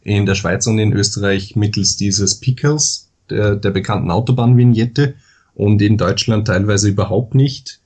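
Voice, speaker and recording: This podcast guest has a lowish, darkish voice and an Austrian accent, coming from Vorarlberg in the country's west. He gives long, measured explanations in careful standard German, hesitating often throughout the interview.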